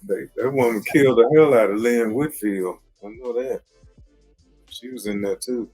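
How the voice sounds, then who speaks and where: A man co-hosts a laid-back chat about a TV drama, frequently restarting his sentences, with faint music in the background. His mid-range voice is darkish with a breathy edge, moving at a moderate pace on a rough recording.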